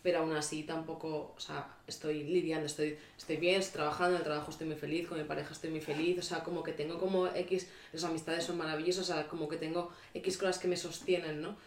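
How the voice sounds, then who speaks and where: A woman who is a sexologist, speaking candidly and reflectively, often pausing on fillers. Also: deep voice, level tone, recorded from a distance. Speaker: sexologist guest. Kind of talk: casual podcast chat. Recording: echoey room, voice off-mic.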